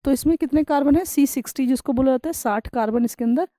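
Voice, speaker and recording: A woman teacher gives a science classroom lecture, slowly reading English lines and then explaining them in Hindi with everyday examples while regularly checking in with students. Her voice sits high with a warm tone; the recording is dry and of poor quality.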